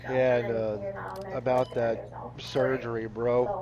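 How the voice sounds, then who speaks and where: A man's voice: medium pitch, little pitch movement, takes it slowly, lo-fi sound, crowd noise. Rambling, laid-back gaming man. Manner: rambling, laughs often, swears casually. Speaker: gaming channel host. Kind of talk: casual commentary over gameplay.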